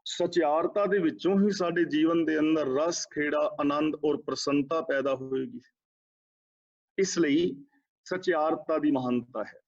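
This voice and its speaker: A man giving a sermon that explains scripture, reciting verses slowly and deliberately. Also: fairly high pitch. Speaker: Sikh preacher. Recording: slightly muffled lo-fi recording.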